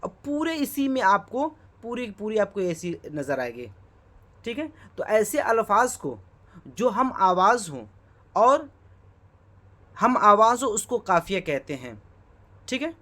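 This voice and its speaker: With a high, slightly bright voice, the man teaches Urdu poetry terminology as exam preparation. He spells words letter by letter, keeps checking in with "okay," and raises rhetorical questions for himself.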